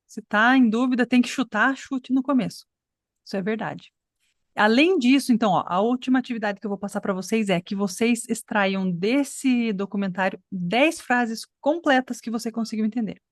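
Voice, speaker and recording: A woman's voice: fairly high pitch, normal speed, no room sound, studio quality. A woman from Brazil teaching an online English pronunciation class, explaining patiently and checking in with her students often.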